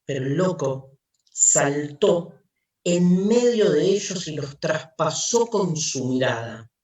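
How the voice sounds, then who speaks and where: A man speaking on a video call from away from home, giving a slow, theatrical reading full of sweeping rhetorical questions. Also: a little high, animated, darkish tone. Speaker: philosophy lecturer. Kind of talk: dramatic reading in an online talk. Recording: echoey, distant video call audio.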